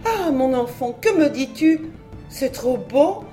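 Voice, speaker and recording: A woman's voice: high voice, expressive, a little slow, darkish tone, faint music behind, voice pushed up. A woman voicing an anxious, proper older aunt who speaks in a fretful, prim, exclaiming way in an audiobook.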